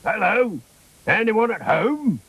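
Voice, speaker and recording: A man voicing a gruff, hearty old fisherman, a jovial sailor in a children's story. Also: high-pitched, sing-song, slow pace, fairly bright tone, voice pushed up, full character voice. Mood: hearty, friendly. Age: older.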